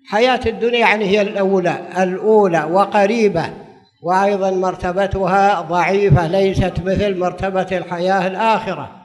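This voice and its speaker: A man's voice: high-pitched, steady tone, a little fast. A man giving a religious lesson as a preacher, speaking formal Standard Arabic and explaining with repeated phrases. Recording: long hall reverb.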